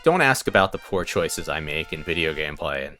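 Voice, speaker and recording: A man's voice: extremely low pitch, sing-song, normal speed, pushed and bright. A man hosting a casual let's play, rambling with lots of fillers and chuckles as he plays. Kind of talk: casual gameplay commentary.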